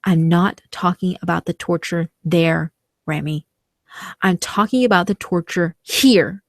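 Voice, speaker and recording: A woman voicing a tormented, resigned young man trapped in dreams, slow, grave and pleading, in a horror story. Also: on the low side, no echo, clean studio sound. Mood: grave, foreboding. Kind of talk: scripted horror story dialogue.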